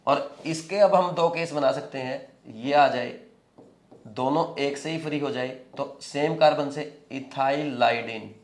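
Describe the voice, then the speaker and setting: A man's voice: mid-range voice, a little slow. A man teaching chemistry in a lecture, explaining step by step in mixed with English terms and often checking whether students are following. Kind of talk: classroom lecture at a board.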